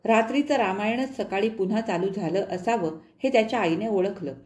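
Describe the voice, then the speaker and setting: A woman narrating a short story in a measured, expressive storytelling manner. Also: medium pitch.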